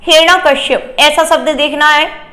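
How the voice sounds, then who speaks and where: A woman teacher giving a Hindi grammar lesson, explaining slowly and asking and answering her own questions. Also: high voice, sharp tone.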